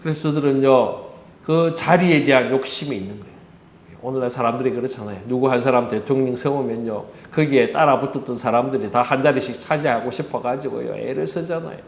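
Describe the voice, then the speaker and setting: A man's voice: medium pitch, a little fast, vocal fry, reverberant. A man with a Busan Korean accent, a pastor giving a conversational sermon that he keeps moving with rhetorical questions. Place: church.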